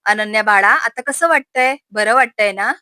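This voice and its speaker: Woman doing a gentle caring mother-in-law, soft affectionate speech, bright voice, dry sound, storybook. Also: a little high, moderate pace, no echo. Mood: tender.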